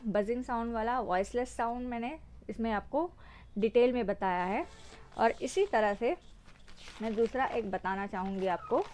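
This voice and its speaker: A woman's voice: on the high side, a little mellow, a little hiss or hum. A woman teaching phonics, spelling out letters and repeating example words one by one. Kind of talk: slow explanatory phonics lesson.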